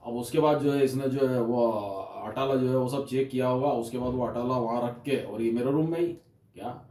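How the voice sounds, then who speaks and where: Brief: comic poet in his fifties, mellow voice, rambling stage storytelling, roomy hall echo. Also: medium pitch, steady tone, moderate pace. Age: 50s. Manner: rambling, keeps asking "kya?" and "hain?" to the audience. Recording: echoey hall from far off.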